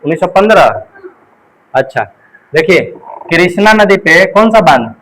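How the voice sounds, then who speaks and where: A man teaching an exam coaching class in a high voice. He quizzes his students over and over and repeats the answers in drills. He leans on memory tricks to make the facts stick. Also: animated, moderate pace, fairly bright tone, rough recording. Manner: call-and-response drilling with mnemonics.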